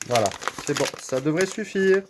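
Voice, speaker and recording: A woman's voice: sits low, animated, normal speed, background noise. A woman explaining a cake recipe step by step in a home kitchen, patiently guiding a child through each task. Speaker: parent cooking with her child on his channel. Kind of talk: step-by-step cooking instructions.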